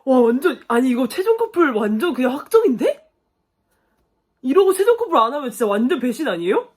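Here a young woman reacts to an episode of a dating show for her viewers, bursting into exclamations and laughter at the screen. It's casual commentary in a high voice, delivered briskly.

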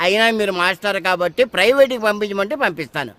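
A man's voice: sits high, animated, quick pace, sharp tone, no echo. An actor playing a stubborn village father who turns down the teacher with indignant, dismissive talk.

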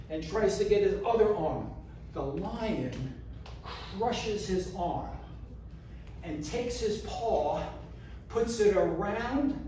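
Animated man telling a story in an echoey hall. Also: sits high, far from the mic, slight background noise. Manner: animated, acts out scenes with gestures. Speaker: public speaker. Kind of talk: storytelling speech. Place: community hall, indoors, large room. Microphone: far camera, no mic.

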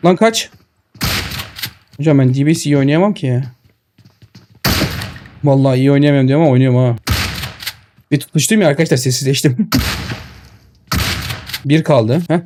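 A man giving excitable live commentary over his own shooter gameplay, talking to his viewers and shouting at enemies, on a headset mic. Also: medium pitch, fairly quick, pauses often, background noise. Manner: excitable, talks to viewers and to the enemy. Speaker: gaming streamer. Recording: game sounds and gunfire behind.

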